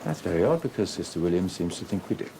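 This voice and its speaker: A man's voice: low voice, sing-song, fast, gravelly, dark tone, a little hiss or hum, heavily acted. A man playing a stern, restrained senior surgeon in a TV hospital drama, speaking in a clipped, precise, formal way. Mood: cool, insistent. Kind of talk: scripted TV drama dialogue.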